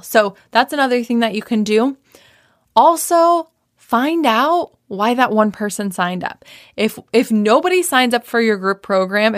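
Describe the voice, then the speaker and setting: A woman in her thirties with a somewhat high voice talks through business advice in a chatty, animated way. She slips into quick voices for the customers she quotes. The recording is dry and close, with no room sound. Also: dry recording. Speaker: business coach. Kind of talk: casual advice talk.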